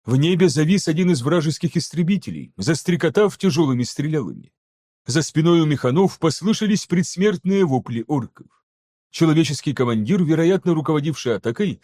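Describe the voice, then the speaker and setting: Guy narrating an audiobook, mellow dark tone, slightly high voice, steady even reading. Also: fairly quick. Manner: steady, even storytelling that voices each character. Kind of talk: scripted narration.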